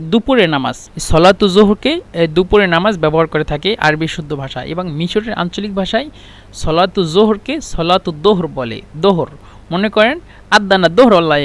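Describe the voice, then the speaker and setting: A man teaching an Arabic lesson, explaining slowly and repeating words and letters one at a time. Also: high-pitched. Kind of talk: spoken language lesson.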